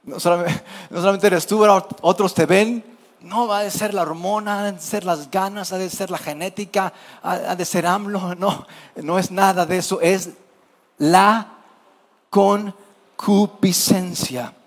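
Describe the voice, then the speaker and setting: A man's voice: high-pitched, fairly even intonation, normal speed. A man, preaching a sermon in a conversational way and asking the congregation questions. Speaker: pastor.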